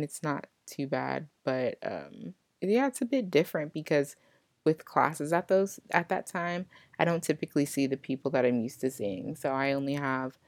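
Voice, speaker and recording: Deep-voiced, gravelly young woman chatting. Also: dry recording. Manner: chatty, lots of fillers and restarts. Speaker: law student. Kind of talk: casual chat.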